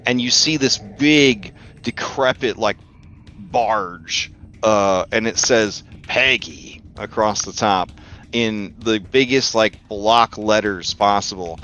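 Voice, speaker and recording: Low-voiced, rambling male game master. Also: takes it slowly, bright, forceful tone, muffled recording. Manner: rambling, joking, profane. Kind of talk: casual improvised tabletop game narration.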